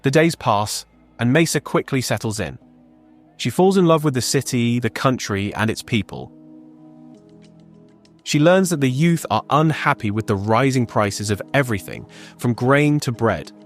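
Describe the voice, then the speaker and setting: Man, podcast narrator, scripted documentary delivery, middle pitch, faint music bed. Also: expressive. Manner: measured and clear.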